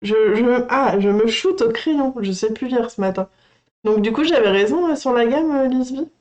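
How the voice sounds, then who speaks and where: A woman hosting a coloring channel, gushing and excitable as she unboxes on a casual livestream and chats to her viewers. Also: on the high side, normal speed, poor audio.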